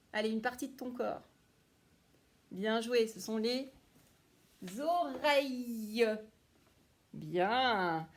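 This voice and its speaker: Woman teacher talking to little kids, slow and encouraging, kinda high voice. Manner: encouraging, lively teacher tone, praises each child by name. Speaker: primary school teacher. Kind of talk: remote phonics lesson for young children.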